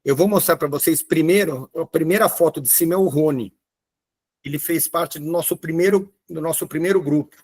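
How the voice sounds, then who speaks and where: Homem de cinquenta e poucos, voz um pouco aguda. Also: male voice, on the high side, fairly quick, darkish tone, husky. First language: Portuguese. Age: 50s. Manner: enthusiastic, hesitant restarts, showing photos. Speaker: fitness coach. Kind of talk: live online class.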